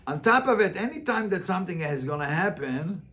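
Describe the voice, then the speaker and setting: This rabbi's voice is high-pitched, pushed and bright, swinging widely in pitch as he moves fairly quickly. Leading an interactive Talmud lesson, he reads and translates each line, asking emphatic questions and repeating phrases.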